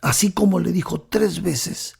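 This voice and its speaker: A man preaching a sermon, telling the story dramatically and often dropping to a hushed whisper while speaking directly to the listener. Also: sits high, measured pace, vocal fry, breathy edge.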